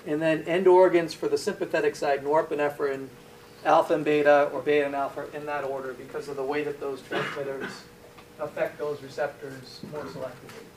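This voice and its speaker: A man's voice: fairly high pitch, flat delivery, a little fast, darkish tone, recorded from a distance. Man lecturing in an echoey hall. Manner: asks questions then answers them. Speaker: pharmacology lecturer. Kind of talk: classroom lecture with questions to students. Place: lecture room. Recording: echoey room, voice from afar, faint hiss.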